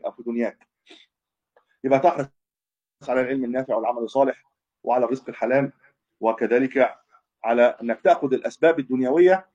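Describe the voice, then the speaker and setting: A scholar teaches a religious lesson on hadith in a husky, darkish, mid-range voice. He explains by repeating and restating his points and often corrects himself, all captured on a dull lo-fi recording.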